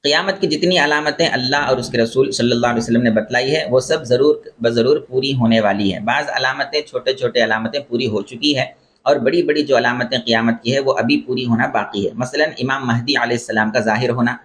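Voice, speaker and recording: A man's voice: mid-range voice, fairly bright tone. Man giving a religious lecture. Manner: explains terms and corrects pronunciation; repeats phrases for emphasis. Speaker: Islamic scholar teaching beliefs.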